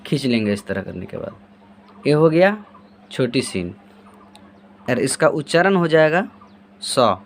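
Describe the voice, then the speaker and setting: A man's voice: a little high, sing-song, normal speed, a little hiss or hum. A man teaching Urdu handwriting step by step, asking and then answering his own questions as he writes. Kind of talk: step-by-step writing lesson.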